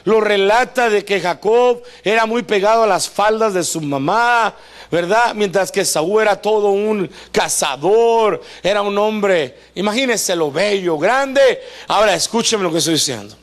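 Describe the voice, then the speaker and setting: High-voiced pastor, animated. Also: male voice, measured pace. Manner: animated and joking, acts out voices; asks the congregation questions often. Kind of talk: live Spanish sermon. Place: church service before a congregation.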